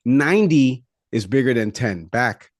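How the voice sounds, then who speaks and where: A man's voice: mid-range voice, lively intonation, unhurried, no echo, clean studio sound. Joking man host fact-checking live. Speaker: host of a watch party. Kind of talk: casual live commentary.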